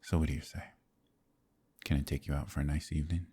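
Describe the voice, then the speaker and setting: Warm and courting, a man voices a gentle, troubled werewolf in a romantic fantasy ASMR roleplay, speaking fast in a level tone. His voice is deep and husky, soft-spoken and hesitant, with formal, old-fashioned phrasing.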